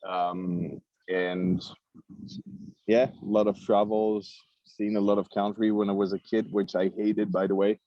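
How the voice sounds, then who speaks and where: A man's voice: on the low side, level tone, unhurried, no room sound, dull audio. A man from Switzerland with a Swiss French accent, a cigar company founder in a casual podcast interview, thoughtful and repeating words as he searches for them.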